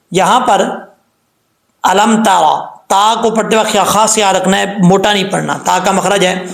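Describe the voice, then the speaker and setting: A man with a high voice gives a tajweed lesson in a roomy, echoing space. He explains each letter sound in plain talk, then chants the verse slowly with long, drawn-out vowels, dropping in short checks like "okay" between points. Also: vocal fry. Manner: says "ok" and "theek hai" between points. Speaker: Quran recitation teacher.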